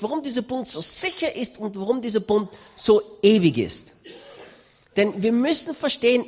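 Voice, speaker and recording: Animated man preaching. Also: very high voice. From Austria. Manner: animated, storytelling, raising voice for emphasis. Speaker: missionary preacher. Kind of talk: sermon.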